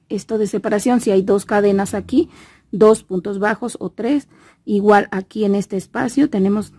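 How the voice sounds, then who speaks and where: A woman from Veracruz, Mexico, a crochet instructor and host, gives a casual tutorial in a husky, mid-range voice with a dark tone. After a molar extraction she has a slight lisp and sounds as if her mouth is full. The recording has no echo.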